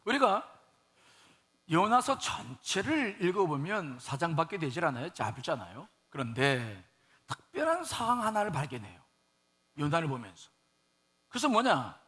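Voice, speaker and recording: A man preaches a sermon in a bright, forceful voice that sits high for a man. He pitches questions at the congregation, drops to soft asides and then climbs into raised exclamations. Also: sing-song, moderate pace. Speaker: pastor.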